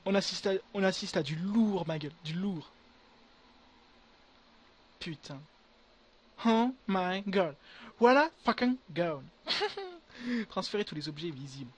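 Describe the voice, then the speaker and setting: A young man giving casual gameplay commentary to his viewers, excitable and full of crude slang. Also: high-pitched, slow, pauses often, slightly rough. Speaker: gaming video creator.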